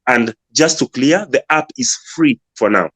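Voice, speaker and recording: A man's voice: medium pitch, expressive, measured pace, fairly bright tone, breathy edge, no echo. A man from Uganda, a guest speaker explaining his farm app in an earnest way with many restarts. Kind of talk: casual pitch on a live audio room.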